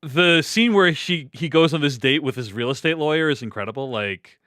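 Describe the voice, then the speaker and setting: A man's voice: on the high side, brisk, fairly bright tone, dry recording, studio quality. A man hosting a casual movie discussion, chatty and recapping scenes in a loose, conversational way. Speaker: host.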